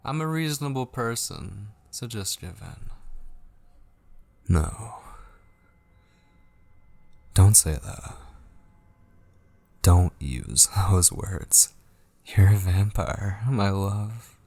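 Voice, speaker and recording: Playing an obsessive kidnapper and coaxing lover, a man performs an intimate, whispery ASMR roleplay in an exaggerated, expressive voice that's fairly low and mellow. Husky and breathy, he slips into whispers, coaxing slowly and insistently with possessive endearments. The scripted dramatic monologue is recorded close on a dry studio mic.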